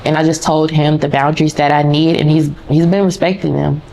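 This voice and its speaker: A woman hosting a podcast tells her story in a low, gravelly voice, candid and conversational, speaking straight to her listeners. A faint hiss of noise sits under the recording. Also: level tone, brisk, mellow. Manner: candid, casual and conversational, addresses listeners as y'all. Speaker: podcast host. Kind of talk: personal storytelling monologue.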